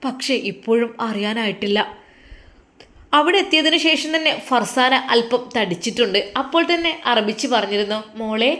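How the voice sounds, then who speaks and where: A woman narrating a story at a steady, plain pace. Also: on the high side, moderate pace.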